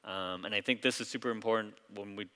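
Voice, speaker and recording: A man in his forties who grew up in Hong Kong, a company founder giving a relaxed conference presentation full of fillers and restarts. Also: lowish voice, fast talker. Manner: relaxed, loose delivery with frequent fillers and restarts. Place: large conference hall. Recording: reverberant hall.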